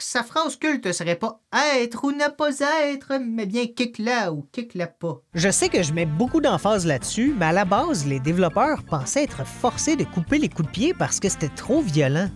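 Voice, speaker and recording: A man with a Québécois accent giving a sarcastic, joke-filled video game review. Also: high voice. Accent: Québécois French. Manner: sarcastic, joking asides.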